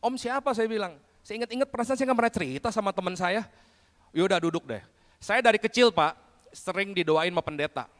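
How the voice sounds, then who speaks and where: A man preaching a testimony sermon, telling his story in a lively storytelling way and often addressing listeners directly. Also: high-pitched, brisk. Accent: Indonesian. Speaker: pastor. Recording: long hall reverb.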